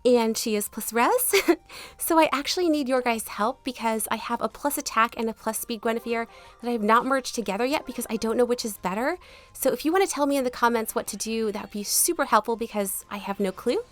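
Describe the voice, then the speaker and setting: In a gaming video, a woman with a fairly high, slightly bright voice talks briskly while answering questions from viewers over gameplay. Polite, easygoing, and chatty, she laughs easily even though her voice isn't fully back after being sick, and background music plays throughout.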